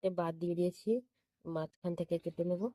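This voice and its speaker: A woman with a voice hoarse from a cold, calmly narrating each cooking step in her home kitchen and repeating each one. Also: fairly low pitch, brisk, dry recording. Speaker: cooking channel host. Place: home kitchen with stove sizzling.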